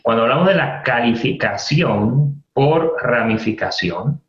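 A man walks listeners through a training webinar, pausing on fillers and repeating the key terms. His voice sits in a roomy space. The audio is somewhat dull and lo-fi. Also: medium pitch, animated.

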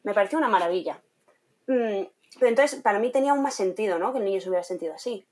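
Lively young woman telling a story. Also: medium pitch, rapid-fire. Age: young adult. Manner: animated, acts out quoted voices, laughs often. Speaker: guest, content creator and trainee teacher. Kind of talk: casual interview storytelling.

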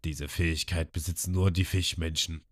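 A man's voice: low-pitched, fairly even intonation, normal speed, dry recording, studio quality. A man voicing a menacing shark-man pirate boss who boasts smugly. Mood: gloating. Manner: smug, threatening boasts.

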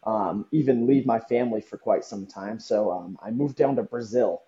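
A man's voice: on the low side, normal speed, warm tone. A young man from Southern California, a podcast guest talking earnestly and reflectively with frequent ums. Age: young adult. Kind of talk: podcast interview. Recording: dull lo-fi audio.

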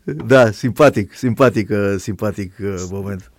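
A man hosting a radio sports show, interviewing a guest and agreeing often with quick interjections. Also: lowish voice, dry recording, studio quality. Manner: frequent agreeing backchannel, warm sign-off.

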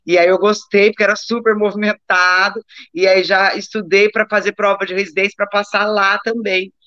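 A woman's voice: medium pitch, level tone, moderate pace, sharp tone. A middle-aged woman from Brazil chatting informally about her life, digressing and repeating words for emphasis. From Brazil, born in Rio, raised in Taubaté. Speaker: interview guest, doctor and amateur athlete. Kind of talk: casual autobiographical chat. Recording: echoey room, dull lo-fi live-stream audio.

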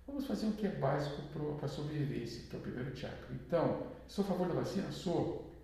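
Brazilian guy, therapist type, chatty spiritual talk, kinda high but mellow voice, lots of room echo. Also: expressive, quick pace, gravelly. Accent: Brazilian Portuguese. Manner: chatty, frequent tag questions. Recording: very echoey room, voice from far off.

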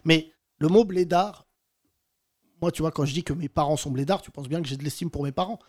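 A man hosting a casual talk show, telling stories with animated quoted voices. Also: fairly high pitch, fairly quick. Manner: animated storytelling, acts out quotes. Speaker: host.

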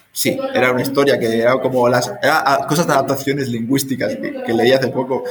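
Dude in casual chat, laid back, people chattering in the back. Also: male voice, medium pitch. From Spain.

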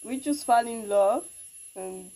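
A woman's voice: on the high side, takes it slowly, dark tone, rough recording. A woman from Colombia, answering interview questions outdoors in a forest and searching for her words. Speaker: interview guest, dancer.

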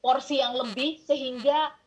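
A woman's voice: high-pitched, fairly even intonation, a little slow, husky, low-quality recording. A woman hosting a radio talk show, asking inquisitive questions with light fillers. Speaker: radio host.

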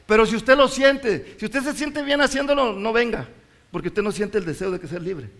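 Middle-aged male pastor, high-pitched, impassioned sermon delivery. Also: moderate pace. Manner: impassioned, rises to shouts and drops low.

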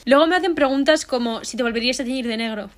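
A young woman interviewing someone in a relaxed, chatty way, passing on questions from fans. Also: high-pitched, very fast. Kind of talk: casual conversation.

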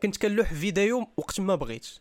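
High-voiced, very quick young Moroccan-accented man. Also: sing-song. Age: young adult. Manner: mixes Arabic with French and English words. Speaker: podcast co-host. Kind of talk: casual chat.

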